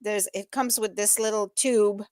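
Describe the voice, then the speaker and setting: A woman's voice: medium pitch, steady tone, unhurried, a little mellow, no room sound, studio quality. A woman co-hosting a casual chat show, talking chattily and explaining each step of what she is doing. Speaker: co-host.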